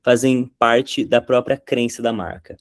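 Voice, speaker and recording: A man's voice: mid-range voice, level tone, dry recording, clean studio sound. A man teaching a lesson on content creation in a conversational way. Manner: conversational, with quick impressions of catchphrases. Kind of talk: explanatory talk to camera.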